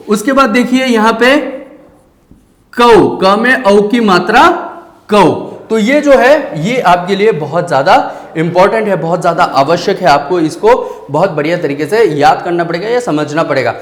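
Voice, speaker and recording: Male schoolteacher with a high voice, patient and questioning, stretches out sounds for the class, recorded in a roomy space. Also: lively intonation. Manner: explains slowly, asks questions and answers them himself; drawls vowel sounds out syllable by syllable. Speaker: teacher. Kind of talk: online Hindi grammar lesson.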